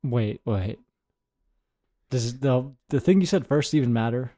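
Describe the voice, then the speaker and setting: A man's voice: mid-range voice, expressive, measured pace, warm tone. A man co-hosting a podcast, chatting casually with laid-back, easygoing replies. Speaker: podcast co-host.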